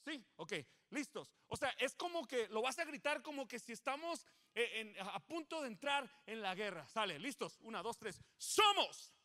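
High, bright-voiced pastor preaching. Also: male voice, moderate pace. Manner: animated, joking, coaxing the crowd. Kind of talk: lively sermon with congregation call-and-response. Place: church service before a congregation.

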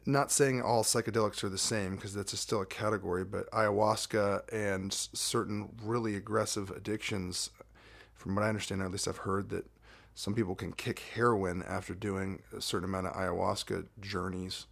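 Casting: gravelly, low-pitched man, chatty podcast host who wanders off topic. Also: flat delivery, normal speed, fairly bright tone. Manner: chatty and digressive, frequent fillers. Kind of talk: casual podcast conversation.

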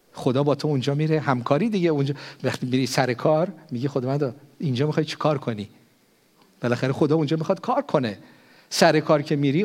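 An older man, a pastor, preaching a sermon. He swells with force on key phrases and sinks into hushed prayer. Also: mid-range voice.

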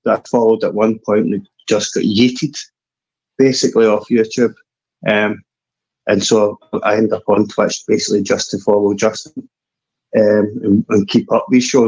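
A man's voice: on the low side, darkish tone, rough recording. A man with a broad, thick Scottish accent, reminiscing casually as a guest calling in to a show. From Scotland. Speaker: call-in guest.

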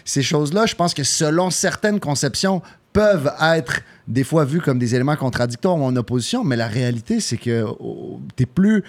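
A man's voice: a little high, lively intonation, moderate pace, few pauses. A man who is a podcast guest, speaking in a thoughtful, reflective way with frequent restarts. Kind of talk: casual chat.

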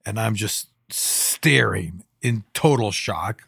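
A man of about fifty from Israel, a podcast co-host, telling personal stories casually and haltingly. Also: lowish voice, animated, creaky, a bit bright, slightly rough, dry recording, clean studio sound. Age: around 50. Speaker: podcast co-host and emergency responder.

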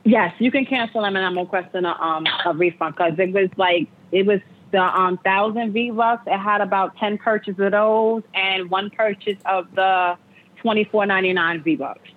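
A woman's voice: medium pitch, moderate pace, a little hiss or hum. Hesitant woman over a tinny phone line. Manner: hesitant, unsure with computers. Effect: heard through a phone line, partly on speakerphone. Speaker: customer on a support call.

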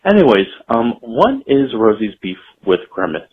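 A man's voice: fairly low pitch, big pitch swings, normal speed, husky. Man leaving a rambling voicemail on a phone line. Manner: chatty, loses his thread. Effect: voicemail played over a phone line. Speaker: voicemail caller.

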